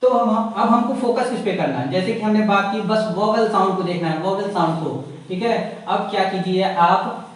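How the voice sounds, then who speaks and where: A man's voice: sits high, normal speed. A man teaching English grammar in a classroom lesson, repeating points and asking questions. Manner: repetitive, asks the class questions. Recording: echoey room, mic far off.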